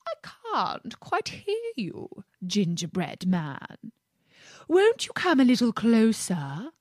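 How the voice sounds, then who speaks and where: A woman voicing a sly male fox who speaks slowly in a sharp, then feigned feeble voice. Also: on the high side, wildly swooping pitch, no room sound, studio quality, heavily acted.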